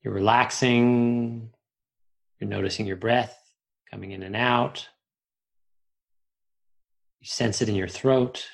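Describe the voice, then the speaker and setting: A man with a gravelly, creaky voice leads a guided relaxation meditation. He gives soothing instructions slowly, leaving long pauses between short phrases. His pitch sits in an ordinary male range, with fry in the tone. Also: steady tone.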